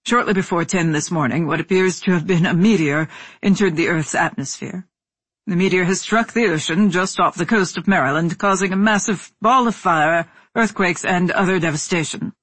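A woman's voice: on the low side, fairly bright tone, husky, dry recording. A woman voicing a shaken male radio news announcer with a formal broadcast delivery.

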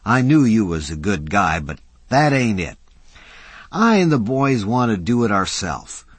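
A man's voice: fairly low pitch, very animated, unhurried, husky, dry recording, voice pushed up, heavily acted. A man putting on a folksy scheming drifter. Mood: coaxing. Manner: folksy ungrammatical drawl, coaxing. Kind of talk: audiobook character voice.

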